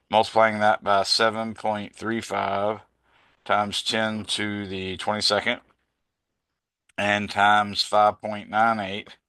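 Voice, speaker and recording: Bright-toned tired physics tutor man. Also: lowish voice, no room sound. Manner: slow, methodical, reads out numbers step by step, self-correcting. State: tired, yawning. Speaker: physics teacher. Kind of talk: working through problems aloud.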